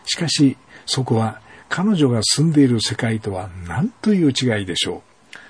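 Husky guy host telling a story, gentle, asks the listener questions. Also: mid-range voice. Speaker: radio host. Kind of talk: storytelling narration.

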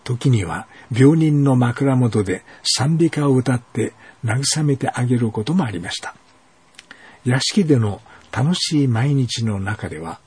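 A man hosting a show, telling a story gently and pausing for rhetorical questions. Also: mid-range voice, husky. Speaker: radio host. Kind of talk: storytelling narration.

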